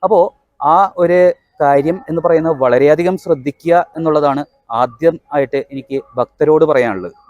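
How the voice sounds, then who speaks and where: A man's voice: fairly high pitch, normal speed, darkish tone, no echo, lo-fi sound. A man with a Kerala accent giving an emphatic, instructive explanation to devotees, repeating his key points. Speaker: presenter.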